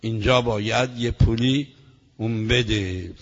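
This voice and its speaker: A man teaching a class, reading a text slowly and then explaining it quickly, and correcting a student's reading. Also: mid-range voice, big-room sound, highs cut off. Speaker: seminary teacher.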